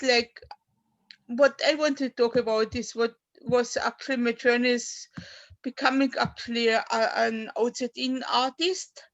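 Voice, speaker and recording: Over a video call with muffled lo-fi sound, a fifties-aged woman from Austria, a native German speaker, shares her life as a poet at an open mic and reads poetry. She stumbles along with many fillers and restarts, her pitch fairly high and a bit bright.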